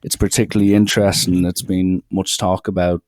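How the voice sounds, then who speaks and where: A man's voice: low voice, level tone, fairly quick, darkish tone, no echo, clean studio sound. A man hosting a podcast interview, talking in an earnest, rambling way with many fillers. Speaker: podcast host.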